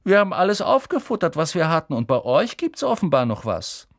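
An arrogant schoolboy with a pitched-up, drawling voice mocks and threatens, as a male narrator puts him on. His tone swings lively and sharp, and the audiobook sound is dry and close. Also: brisk, vocal fry, dry recording, exaggerated voice. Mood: sneering. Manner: drawling, mocking.

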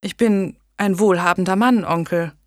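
A woman's voice: mid-range voice, moderate pace, no room sound, studio quality, lightly acted. Woman reading as a polite young nobleman. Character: calm young medieval nobleman, polite and firm.

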